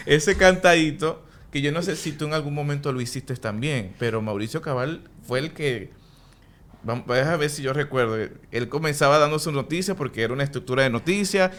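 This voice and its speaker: A man's voice: a little high, a bit bright. A man hosting a casual interview, chatty and often laughing as he talks. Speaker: host.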